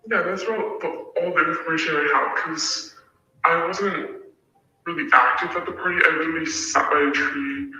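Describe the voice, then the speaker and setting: Woman with a disguised deep voice. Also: moderate pace, bright, forceful tone. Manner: hesitant, many ums and likes. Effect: voice altered to sound deeper and masculine. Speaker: anonymous witness. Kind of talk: recorded statement. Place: at a golf tournament. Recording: echoey, distant, muffled audio with faint music.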